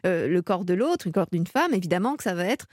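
A woman's voice: fairly low pitch, animated, quick pace, a little mellow, dry recording, clean studio sound. A woman sexologist and psychoanalyst speaking frankly and thoughtfully on a radio show, often repeating words as she thinks. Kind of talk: expert radio chat.

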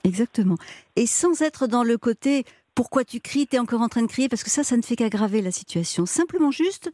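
A woman hosting a radio call-in show, calmly and patiently explaining her advice to a caller. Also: a little high, fairly quick, no echo, studio quality.

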